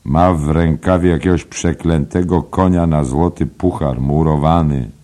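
A man doing a loud mocking drinking buddy. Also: rumbling low, steady tone, a little slow, voice pushed up. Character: boisterous, scornful male drinking companion. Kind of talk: audiobook character voice.

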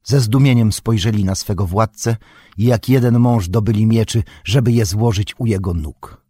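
Male audiobook narrator, low and husky, measured, dry booth. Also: no room sound. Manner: steady, measured storytelling.

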